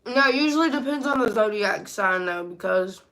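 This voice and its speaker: Casting: woman, mid-pitched, tired, casual livestream Q&A delivered while eating, mouth sometimes full. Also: lively intonation, moderate pace, fairly bright tone, poor audio. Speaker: live streamer.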